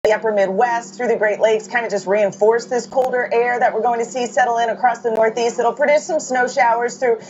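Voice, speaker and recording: A woman's voice: a little high, fairly even intonation, fairly quick, hardly any pauses, darkish tone, slightly rough. A woman from the Boston area anchoring a live morning news show in a loose, chatty way. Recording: dull lo-fi broadcast with faint noise.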